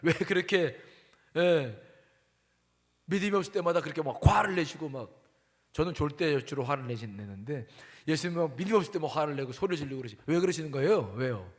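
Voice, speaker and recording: A male pastor preaching a sermon emphatically, questioning the congregation and moving between loud and hushed delivery. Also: on the high side, lively intonation, a little fast. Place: church sanctuary. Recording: long hall reverb.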